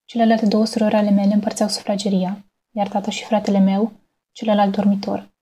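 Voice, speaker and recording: A young woman from Romania reads her own story aloud in a calm, measured way. Her voice is mellow and a little husky, and it stays level with little rise and fall. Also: mid-range voice. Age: 20s. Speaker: narrator. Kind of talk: scripted personal narration.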